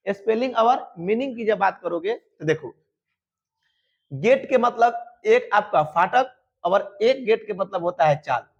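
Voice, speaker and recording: High-voiced man teaching grammar. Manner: repeats questions to students and answers them himself. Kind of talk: exam-prep grammar lesson. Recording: dull lo-fi sound.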